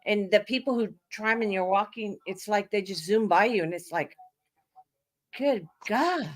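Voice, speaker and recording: A middle-aged woman hosting a casual group chat, telling everyday stories in an animated, frank way. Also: mid-range voice, a little fast, dry recording. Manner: chatty, animated storytelling with frank asides. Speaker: livestream host.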